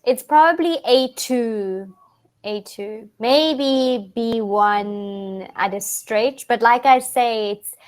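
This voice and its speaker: A young woman from South Africa, an online English tutor, chatting casually on a video call and explaining things with frequent restarts. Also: a little high. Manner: friendly, explains slowly with frequent restarts and fillers. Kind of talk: casual online conversation lesson.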